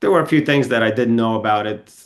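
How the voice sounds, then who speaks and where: Talking fast in a mid-range voice, a man from Bulgaria rambles through car stories as a podcast guest. The casual studio interview is peppered with his ums, restarts and self-corrections.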